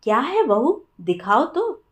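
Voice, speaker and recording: A woman's voice: on the high side, very animated, takes it slowly, fairly bright tone, heavily acted. A woman playing a stern old village mother-in-law. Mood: scolding. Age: older. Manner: scolding, old-fashioned village speech.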